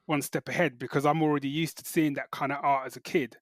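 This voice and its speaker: Co-hosting a podcast, a man talks fast in a rather high, level-toned voice while delivering casual, opinionated reviews. He speaks colloquially, leaning on "you know" and "like" as fillers. The audio is studio quality with no echo.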